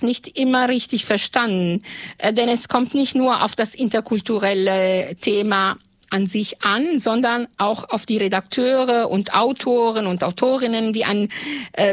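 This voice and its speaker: An Italian radio journalist, a woman whose first language is Italian, gives interview answers in a fairly high voice recorded with no echo. She speaks haltingly, pausing often and using frequent fillers.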